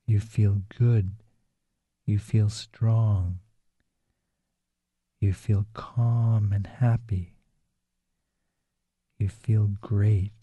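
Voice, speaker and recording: A man reading a guided relaxation script in a slow, soothing, calm way. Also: on the low side, breathy edge, dry recording. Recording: dull lo-fi recording.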